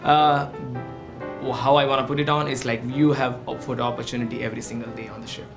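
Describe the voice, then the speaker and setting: A man's voice: mid-range voice, little pitch movement, fast. Keralan-man, friendly and easygoing. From India. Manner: friendly, with frequent filler "uh". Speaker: ship photographer. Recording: music playing underneath.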